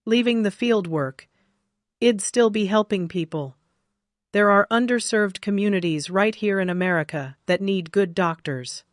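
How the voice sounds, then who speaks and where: A woman's voice: mid-range voice, normal speed, no echo, clean studio sound, natural voice. A woman reading the lines of a caring young male doctor, a husband who speaks eagerly and tenderly.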